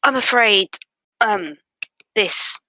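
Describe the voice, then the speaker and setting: Woman playing a tough, forceful boarding-house defender. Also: mid-range voice, animated, no room sound. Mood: menacing. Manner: challenging, measured threats.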